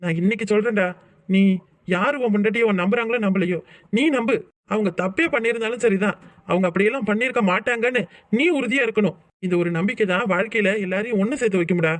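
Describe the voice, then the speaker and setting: A man's voice: sits high, fast, no room sound, close to an everyday voice. Man voicing a patient, self-sacrificing friend. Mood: reasoning. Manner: calm, reasoning, heartfelt. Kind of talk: cartoon voice acting.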